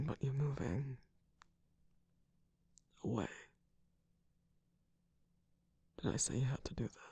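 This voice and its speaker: A man voicing a sly, distrustful jester cookie villain in an intimate ASMR roleplay, teasing and theatrical in a breathy, husky, often whispered voice close to the microphone. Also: medium pitch, warm tone, dry recording, full character voice. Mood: sleepy, teasing. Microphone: close-up microphone, dry.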